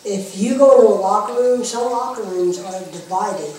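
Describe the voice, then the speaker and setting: A man's voice: sits high, normal speed, a little mellow, slight background noise. Echoey, talkative male interviewee, off mic. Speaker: pro wrestling manager being interviewed. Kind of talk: casual interview chat. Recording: echoey room, far from the mic.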